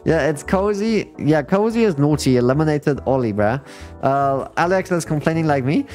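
A man with a slightly high voice hosts a livestream in a loose, slangy, chatty way. He talks straight to viewers and players as he commentates on the game, with music playing faintly behind him. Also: animated, normal speed, darkish tone. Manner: slangy, addressing viewers and players as bro and guys. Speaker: live streamer hosting a game fashion show.

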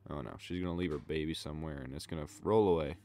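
Low-voiced young man reacting casually. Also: racing, mellow. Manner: loose running commentary with exclamations. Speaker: reaction video creator.

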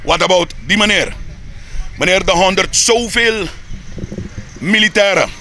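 Impassioned Surinamese man, high raspy voice. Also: unhurried, pushed and bright, slight background noise. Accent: Surinamese Dutch. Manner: heated, rhetorical, repeats words when building a point. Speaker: interviewee. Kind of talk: street interview.

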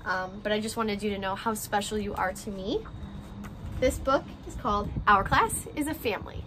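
A first grade teacher in her twenties talks to young pupils and reads aloud expressively to them, recorded outdoors on a porch by glass doors. Her medium-pitched voice is animated and a bit bright, and she speaks at a moderate pace. The recording is rough, with slight background noise.

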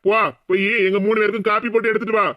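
A man's voice: high-pitched, little pitch movement, very fast, very noisy, natural voice. A man voicing a bossy cartoon husband. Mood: commanding. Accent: southern Tamil Nadu. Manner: gruff, commanding. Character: bossy older husband and father-in-law turned stern. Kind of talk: cartoon voice acting. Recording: dull, dry lo-fi sound.

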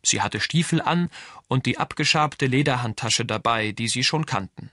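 A man reading a novel aloud as audiobook narrator, in an even storytelling delivery. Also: mid-range voice, normal speed, no room sound, studio quality. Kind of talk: scripted narration.

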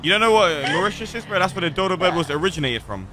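A man's voice: sits high, animated, rapid-fire, background noise. A young man streaming a roleplay game, chatting in character in a laid-back, teasing way. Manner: laid-back and teasing, drawling with easy laughs. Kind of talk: casual in-character roleplay chat.

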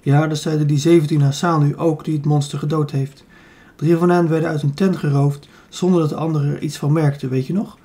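A man voicing a cool-headed, teasing young woman in an audiobook, speaking softly and dryly. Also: on the high side, steady tone, brisk, natural voice. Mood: teasing, firm.

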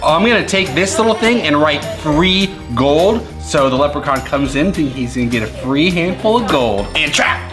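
A man's voice: a little high, expressive, normal speed, hardly any pauses, music in the background. A man in his thirties casually and playfully explaining a craft as the father in a family vlog at home. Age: 30s. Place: home dining room.

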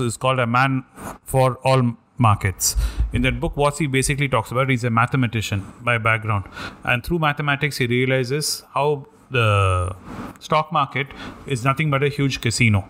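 Very fast-talking South Indian man, noisy recording. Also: medium pitch, fairly bright tone. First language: Tamil. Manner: switches between English and Tamil. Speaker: podcast co-host. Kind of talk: casual discussion, explaining. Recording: clear background noise.

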